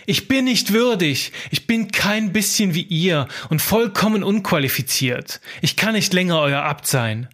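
A man's voice: high voice, animated, measured pace, few pauses, fairly bright tone, pitched above the performer's own voice, heavily acted. A man voicing an anxious, insecure scribe who feels he is an impostor, talking in a fretful, pleading way. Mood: anxious, doubting. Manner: fretful, self-doubting, pleading. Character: anxious insecure male scribe posing as abbot.

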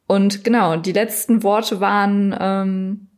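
A woman's voice: medium pitch, slow pace. A young woman co-hosting a podcast, chatting casually and reading a serial story aloud with small slips. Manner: relaxed, reads steadily with small slips and restarts. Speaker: podcast co-host.

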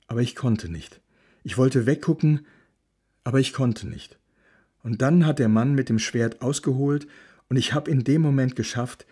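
A man reading a children's novel aloud in a calm, gentle storytelling manner. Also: mid-range voice, husky. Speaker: audiobook narrator.

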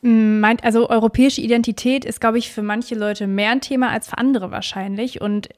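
A woman's voice: on the high side, steady tone, a little fast. A woman hosting a podcast, chatty and friendly, with frequent fillers. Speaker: podcast host.

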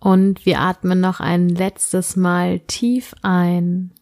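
A woman narrating a soothing sleep meditation like a bedtime guide, in a gentle, unhurried manner with drawn-out phrases. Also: fairly low pitch, completely flat delivery, no room sound, clean studio sound. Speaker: podcast host and meditation guide.

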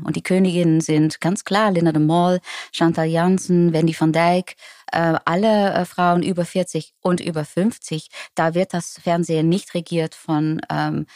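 A woman in her forties from the Netherlands talks in a somewhat low voice with a clear Dutch accent. She answers interview questions in German, pausing often with fillers and restarting her sentences. The sound is dry and close. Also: a little mellow, no echo. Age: 40s. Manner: hesitant, many fillers and restarts. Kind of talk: conversational interview.

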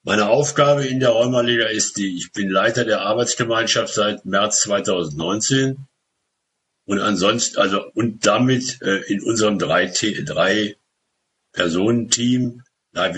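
A man, answering interview questions haltingly, with many restarts. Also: on the low side, fairly bright tone. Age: 70s. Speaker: association group leader.

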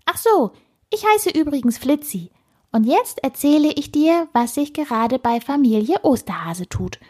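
A woman voicing a cheeky little male squirrel with a squeaky, piping voice, teasing and lecturing in a storybook. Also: very animated, measured pace, a little mellow. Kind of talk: storybook narration.

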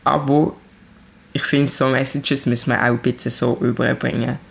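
A woman's voice: very deep voice, little pitch movement, moderate pace, gravelly. A young woman in her twenties with a Swiss German accent, talking directly and animatedly as a musician guest in a casual chat. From Switzerland. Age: 20s.

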